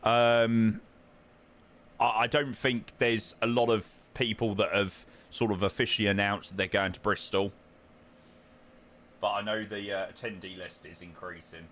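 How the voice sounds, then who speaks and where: A man's voice: fairly low pitch, fairly even intonation, measured pace, fairly bright tone. A British man chatting casually on a flight simulator livestream, informal and matey in manner.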